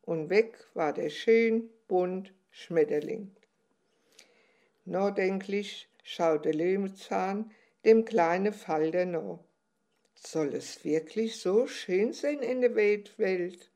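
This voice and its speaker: A woman reading a children's story aloud. She keeps a middle pitch and reads very slowly. Her manner is gentle and calm. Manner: slow, gentle, unhurried reading.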